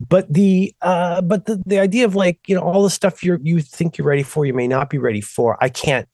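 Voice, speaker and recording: He speaks briskly in a high-pitched voice, captured in studio quality without echo. As a middle-aged podcast co-host in casual chat, he spins animated, rambling stories that break off and start over.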